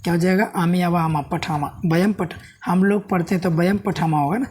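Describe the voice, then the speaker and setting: A man's voice: high voice, fairly even intonation, a little fast, darkish tone, a little hiss or hum. A man teaches a Sanskrit grammar lesson step by step. He keeps asking the viewer questions and checking "है ना?". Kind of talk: classroom-style video lesson.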